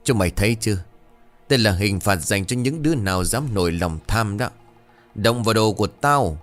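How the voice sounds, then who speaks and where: A man's voice: fairly low pitch, animated, normal speed, faint music behind, natural voice. A man voicing a cruel, scornful landlord. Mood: menacing. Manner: harsh, scornful, threatening. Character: cruel, arrogant rich male landlord villain.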